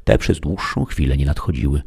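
A man reading a story aloud as an audiobook narrator, in a measured, dramatic way. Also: a bass voice, vocal fry, darkish tone, breathy edge. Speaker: audiobook reader.

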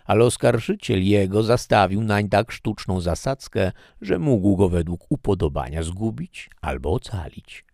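A man's voice: fairly low pitch, lively intonation, a little slow, gravelly, hardly any pauses, a little mellow, dry recording, clean studio sound, pitched above the performer's own voice. A man voicing a doomed nobleman in prison in a storybook reading, speaking earnestly and urgently.

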